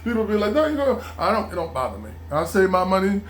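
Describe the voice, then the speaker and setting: A man, talking in a casual monologue, animated, acting out his friends' voices. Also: sits high, fast, slight background noise. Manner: animated, acts out friends' voices, laughs often. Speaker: vlogger.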